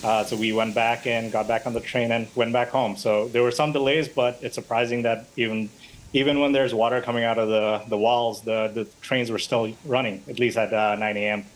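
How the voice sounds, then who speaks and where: A man from Bangladesh appears as an eyewitness guest in a live news interview over a remote link. He talks casually and conversationally with many fillers and restarts, his mid-range voice level and a little fast on a rough recording.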